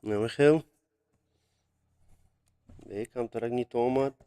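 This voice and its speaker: A young man live-streams casually about drawing viewers' requests, speaking hesitantly with many fillers and some Russian words mixed in. His mid-range voice is slow, mellow, and clean-toned, recorded on a phone.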